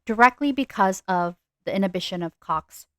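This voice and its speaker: Here a woman lectures on nursing pharmacology in a recording, her pace deliberate and the important terms stressed as she goes. The voice is medium in pitch and somewhat bright, with no echo present.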